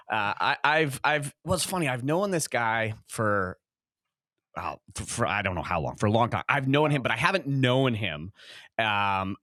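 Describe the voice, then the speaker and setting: Chatty male podcast host, lively pitch. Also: no room sound, clean studio sound. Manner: halting, full of fillers and restarts. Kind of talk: casual podcast interview.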